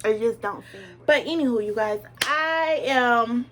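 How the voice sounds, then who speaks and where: A woman's voice: on the high side, unhurried, a bit bright, a little hiss or hum. A woman in her late twenties from the US South with a Southern accent, chatting casually to camera from her bedroom floor in a scattered, friendly way. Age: 20s. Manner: chatty, scattered, talks straight to viewers. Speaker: vlogger.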